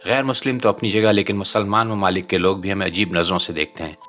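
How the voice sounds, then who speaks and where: This man from Pakistan speaks fast in a low, slightly bright voice with fairly even intonation, faint music behind him. Presenting a channel, he reads scripted political commentary in an indignant, dramatic, rhetorical style, with a Pakistani accent and formal literary wording.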